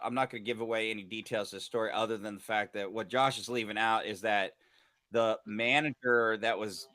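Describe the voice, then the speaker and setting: A man's voice: mid-range voice, dry recording. A man co-hosting a casual talk radio show, swearing freely and acting out mocking impressions of other people. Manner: profane, animated, mocking impressions. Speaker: podcast co-host, former teacher.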